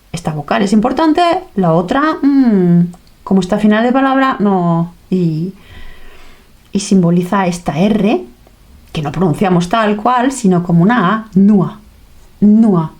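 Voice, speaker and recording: A woman leads a language lesson at an unhurried pace, taking her time over each word. She keeps it playful, acting out sounds and small reactions to make the words stick. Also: fairly low pitch, a little mellow. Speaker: language teacher. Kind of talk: teaching lesson.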